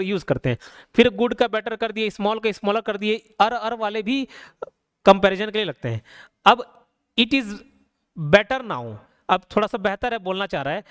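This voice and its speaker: A male teacher giving a casual, conversational grammar lesson. He keeps asking rhetorical questions and slows down to spell out each example. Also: high-pitched, clear, resonant tone, no room sound, studio quality. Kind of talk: casual classroom explanation.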